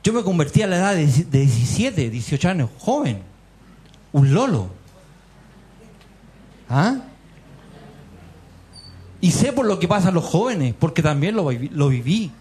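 A man's voice: fairly high pitch, sing-song, measured pace, long pauses, mellow, breathy edge. A man with a Chilean accent preaching a fervent sermon in a church meeting hall, firing rhetorical questions and calling his listeners brothers. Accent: Chilean Spanish. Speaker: lay preacher.

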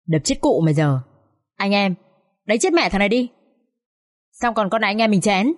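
A woman's voice: medium pitch, animated, normal speed, natural voice. A woman voicing a crude, jeering young male street thug in an audiobook story.

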